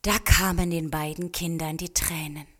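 A woman reading a children's story aloud in a gentle manner, often dropping into a soft whisper. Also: on the low side, steady tone, moderate pace. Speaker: narrator.

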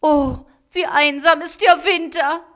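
A woman voicing a young girl who is hopeful and tearful, calling out high and loud. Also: steady tone. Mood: sad. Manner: high, loud, drawn-out calls.

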